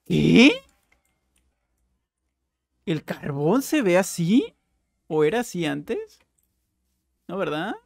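Man, young adult, jokey let's play commentary, slightly high voice, dry sound. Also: takes it slowly, creaky, pauses often, no echo. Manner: chatty, jokey, bursts of excited exclaiming. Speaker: gaming YouTuber.

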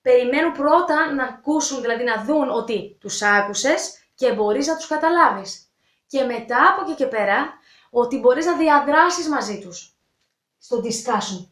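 A woman from Greece hosts a casual video lesson, talking directly and chattily to her students. Her voice sits high, and a roomy echo hangs around it. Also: lively intonation, fairly bright tone. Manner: chatty, direct, addresses viewers as kids. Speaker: English teacher and channel host.

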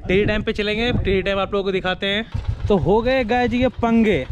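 A man's voice: sits high, steady tone, brisk, highs cut off. A man in his thirties hosting a casual motorbike vlog outdoors on mountain roads, chatting with viewers and friends through a helmet camera mic. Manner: chatty, addresses viewers as guys. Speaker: motovlogger host. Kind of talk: casual moto vlog narration. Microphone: helmet or action camera mic. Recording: wind and engine noise outdoors.

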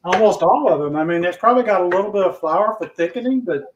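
A man's voice: high-pitched, lively intonation, fast talker, lo-fi sound, background noise. A man hosting a casual cooking livestream, talking easily while he cooks. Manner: easygoing, talks while cooking. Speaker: cooking show host.

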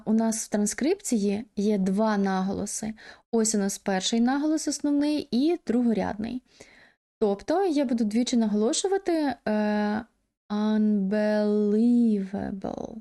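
Female english tutor, fairly high mellow voice, patient explainer. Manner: patient, explanatory, frequent hesitation sounds. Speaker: English teacher. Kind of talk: explaining an online language lesson.

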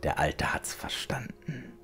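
A man's voice: takes it slowly, fairly bright tone, faint music behind. A man voicing a sinister old man who hisses and lisps in a whisper, in an audiobook reading. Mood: menacing. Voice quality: whispered, hissing.

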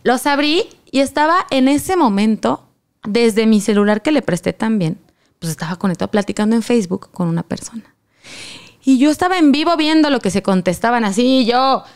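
A young woman with a Mexican Spanish accent telling a personal story in casual chat, animated and slangy, acting out what people said. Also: a little high, brisk, clean tone. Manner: animated, slangy, acts out quoted lines.

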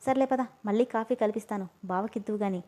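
A woman's voice: medium pitch, quick pace, mellow, close to an everyday voice. A woman reading as a scheming middle-aged mother. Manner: coaxing, bossy.

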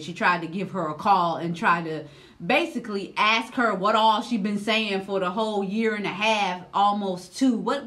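Here's a reaction vlogger in her thirties, filmed on a camera while seated inside. Her commentary is casual and slang-heavy, delivered loudly and expressively, with her voice climbing high when she's worked up.

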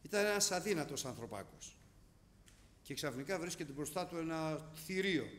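A middle-aged man preaching with a high voice that swings widely in pitch. He tells vivid stories and acts them out with sound effects. The recording carries a long hall reverb. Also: a little hiss or hum. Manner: animated, storytelling with sound effects. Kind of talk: sermon.

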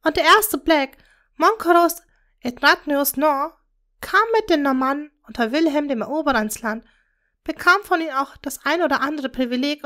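A woman's voice: high-pitched, bright, forceful tone, voice pushed up. A woman voicing a proud, scheming aristocratic witch and mother, speaking intensely and possessively to her daughter.

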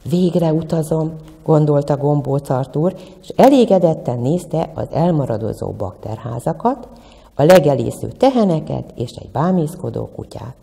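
Woman telling a children's tale, lilting and low. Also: vocal fry, big-room sound. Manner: expressive, lilting storyteller. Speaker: museum educator. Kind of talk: storytelling for children. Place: museum room.

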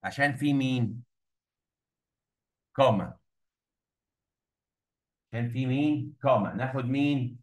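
A man's voice: medium pitch, measured pace, long pauses. Egyptian male teacher, echoey classroom. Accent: Egyptian Arabic. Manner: patient, coaxing, repeats key points. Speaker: English teacher. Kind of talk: classroom revision lesson. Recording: echoey room, mic at a distance.

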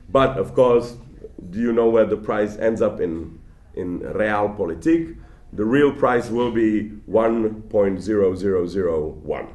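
A man lectures to an audience in a large hall in a loose, conversational way. His voice sits a little low, and he often stammers and restarts his sentences. The room adds a noticeable echo. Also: darkish tone. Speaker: guest lecturer. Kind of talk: public lecture.

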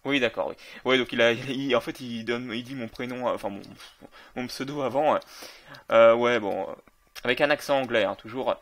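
A man's voice: medium pitch, moderate pace, a bit bright. A man casually commenting on a video game while playing, with many fillers and self-corrections. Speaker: gaming video creator.

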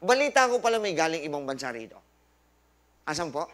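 A high, bright-toned man lectures a live audience at a health forum. He talks like a preacher, firing rhetorical questions, quoting scripture and dropping jokey asides. He slips English phrases into his Tagalog. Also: sing-song, fairly quick. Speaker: doctor hosting a health forum.

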